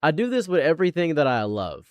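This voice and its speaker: A man's voice: on the high side, sing-song, fast talker, smooth, no room sound, studio quality. A man in his late twenties, a live streamer chatting casually, rambling and repeating himself, laughing often. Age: late 20s.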